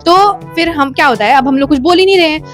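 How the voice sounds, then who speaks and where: A woman's voice: high voice, quick pace, soft background music. A woman telling a personal story to her phone camera in a chatty way, mixing English into her speech and often checking in with her listeners. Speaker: storytime vlogger. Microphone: phone front camera.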